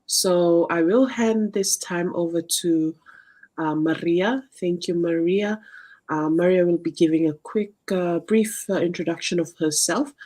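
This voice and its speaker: Low-voiced woman hosting, halting speech. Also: warm tone. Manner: hesitant, with frequent fillers. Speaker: host of a business live show. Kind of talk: live stream introduction.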